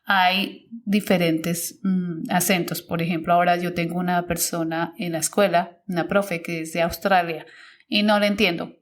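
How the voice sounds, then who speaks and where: A woman's voice: on the low side, flat delivery, moderate pace. A woman teacher hosting a podcast, talking casually and thinking aloud, often correcting herself and searching for words. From Colombia.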